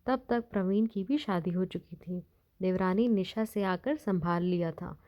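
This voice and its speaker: A woman's voice: medium pitch, a little mellow. Woman narrating a moral story. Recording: dull lo-fi recording.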